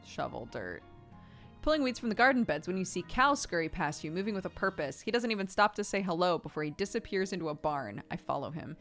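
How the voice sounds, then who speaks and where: A woman with a slightly low voice reads a story game aloud as a streamer. Her narration is expressive and slips into casual asides. Music plays behind her. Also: brisk.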